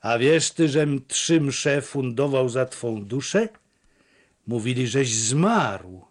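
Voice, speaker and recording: A man playing a loud boastful village blacksmith. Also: medium pitch, animated, slow. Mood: boisterous. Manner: gruff, boisterous, shouting.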